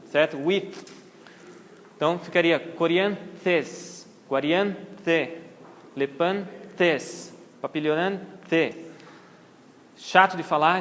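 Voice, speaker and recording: In a botanical garden meeting room, a man with a Brazilian Portuguese accent lectures an orchid society on pronouncing botanical names, explaining patiently and checking in with his audience. His voice is high and fairly bright, with a long reverb tail and slight background noise.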